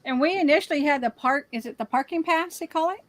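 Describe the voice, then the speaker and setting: A woman's voice: high voice, quick pace. A woman speaking as a guest in a casual, conversational style.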